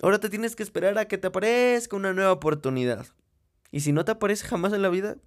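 With a voice that sits high and a fast delivery, a young man with a Mexican Spanish accent gives a motivational talk. He speaks directly to the listener, bluntly and with plenty of profanity.

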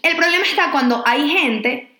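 Woman, Venezuelan accent, high voice, bright tone, animated storytelling, echoey room. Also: moderate pace. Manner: animated storyteller, acts out others. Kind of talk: casual chat. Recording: roomy echo.

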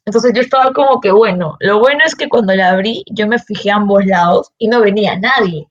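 A young woman with a Peruvian Spanish accent, a student telling an anecdote in a casual, animated way with frequent laughs. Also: medium pitch, highs cut off. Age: young adult. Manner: animated, laughs often, quick asides. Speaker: engineering student, guest.

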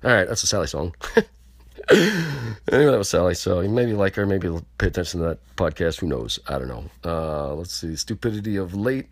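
A man's voice: low-pitched, sing-song, moderate pace. A man hosting his own podcast, rambling through a crude, mock-boastful comedic monologue. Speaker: podcast host.

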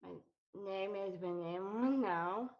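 A woman in her thirties introducing herself in a very slow, deliberate way. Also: mid-range voice, dull audio. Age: 30s.

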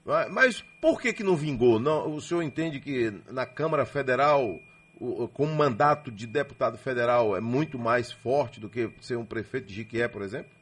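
A Brazilian radio host conducting an interview, asking chatty leading questions. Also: male voice, mid-range voice, lively intonation, normal speed, breathy edge.

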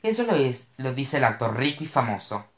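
A narrator voicing an anxious, dramatic teenage girl who wants to be a writer, with shrill, panicky outbursts. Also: sing-song, fairly quick. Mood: defensive, pleading. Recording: roomy echo.

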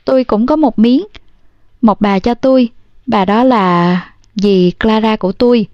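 A woman's voice: on the high side, measured pace, warm tone, no room sound, lo-fi sound, natural voice. Woman reading as a childlike giant farmhand. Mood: wistful. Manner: pleading, childlike. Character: simple-minded giant man, gentle but frightened.

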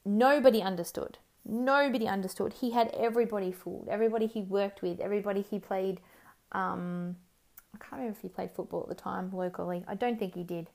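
A woman's voice: mid-range voice, brisk, creaky, a little mellow. A young Australian woman telling a personal story candidly. She swears freely and mimics other people's words in short bursts. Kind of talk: personal story told to camera.

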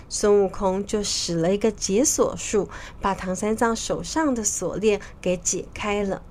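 A woman telling a children's story as a mother, in a lively, sing-song way with drawn-out endings. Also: a little high.

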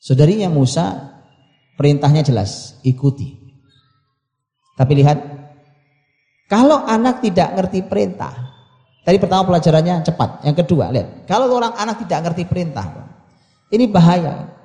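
Mellow preacher in an echoing hall. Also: male voice, fairly high pitch, sing-song. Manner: repeats phrases and asks the audience rhetorical questions; recites Arabic verses slowly between quick explanations. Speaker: Islamic preacher. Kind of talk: sermon explaining Quranic Arabic. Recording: echoey hall with long reverb.

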